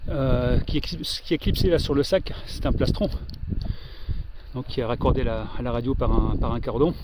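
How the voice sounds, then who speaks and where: There's noisy background behind this man's mid-range voice as he, an amateur radio operator, demonstrates equipment informally and hands-on. He explains things hesitantly, stopping to search for words.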